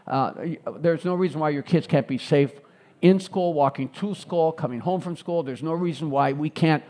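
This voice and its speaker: A man's voice: a little high, normal speed, warm tone. A middle-aged man, speaking as a guest in a talk interview in an earnest, repetitive stump-speech rhythm. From Chicago, United States. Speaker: mayoral candidate guest.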